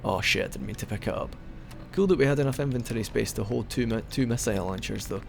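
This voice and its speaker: A man's voice: mid-range voice, fast, vocal fry, soft background music. A young man giving rambling, casual commentary over a game he is playing, hiccuping now and then. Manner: chatty and rambling, with frequent restarts. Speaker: let's play commentator.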